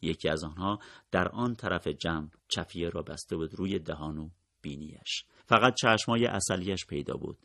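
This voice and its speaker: A man reading a novel aloud in a measured, calm storytelling voice. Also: low voice, gravelly, no room sound, studio quality. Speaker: audiobook narrator. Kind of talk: scripted literary narration.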